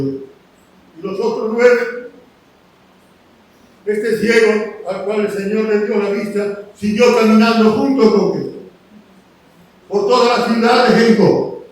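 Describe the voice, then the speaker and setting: High-voiced preacher in an echoey room. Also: male voice, a little hiss or hum. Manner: voices the cries of the story louder, drops to soft asides. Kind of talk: sermon retelling scripture. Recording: roomy echo from a distant mic with faint ambience.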